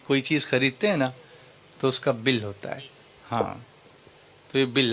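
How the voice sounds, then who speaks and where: A man with a slightly high voice lectures a gathering in sermon style. He works through his point step by step, repeating phrases and quizzing his listeners. English words slip into his speech as he goes. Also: fairly bright tone. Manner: explanatory, quizzes the audience, repeats phrases for emphasis. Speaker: Islamic preacher.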